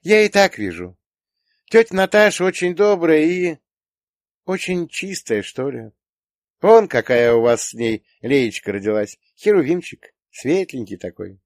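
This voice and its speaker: A man voicing a teasing, bossy teenage daughter in an audiobook, with quick retorts. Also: on the high side, very animated, no room sound, studio quality, pitched above the performer's own voice. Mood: sassy. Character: teenage girl, sharp-tongued teasing daughter. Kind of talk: audiobook character voice.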